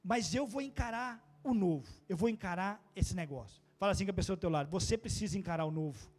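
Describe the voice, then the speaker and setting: A pastor with a Brazilian Portuguese accent preaches a casual, funny sermon in a high voice, talking fast. He swings between quiet asides and loud, climbing exclamations, telling stories with playful quoted voices and sound effects.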